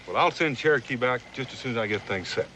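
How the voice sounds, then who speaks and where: An actor playing a cunning frontier scout in a western, speaking matter-of-factly with an American accent. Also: male voice, mid-range voice, animated, quick pace, background noise, lightly acted. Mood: brisk, persuasive. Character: cunning, plain-spoken male frontier scout. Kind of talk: scripted western screen acting.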